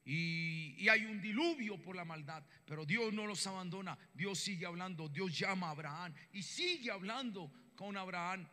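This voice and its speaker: A man preaching a sermon, telling Bible stories in an animated way and acting out the dialogue in voices. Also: high-pitched, moderate pace, hardly any pauses. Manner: animated storytelling, acts out biblical dialogue in voices. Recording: reverberant hall.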